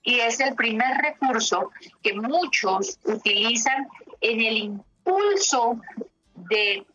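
A woman therapist telling stories from her practice in an interview, reflective and pausing with fillers. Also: fairly high pitch, animated, sharp tone, highs cut off.

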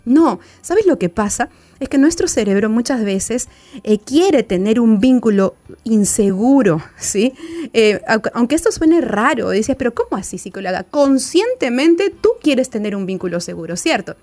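Woman psychologist, somewhat high voice, faith-based relationship advice, voices listeners' doubts. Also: big pitch swings, unhurried, dark tone. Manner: asks many rhetorical questions; plays out listeners' objections.

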